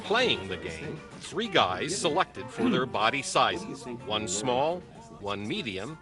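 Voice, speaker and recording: A man narrating a news feature in a scripted style, with a wry, lively delivery. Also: medium pitch, slow, loud music behind the voice.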